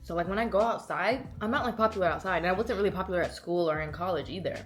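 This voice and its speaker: A woman in her early twenties answering questions as a content creator in a casual, animated, slangy and playful way. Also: fairly low pitch, rapid-fire. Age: early 20s. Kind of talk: casual chatty Q&A.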